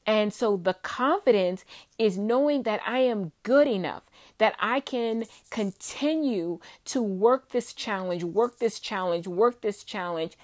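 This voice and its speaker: A woman in her thirties hosting her own podcast, telling a personal story in a chatty, emotional way with lots of "like" and "um". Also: medium pitch. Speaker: podcast host.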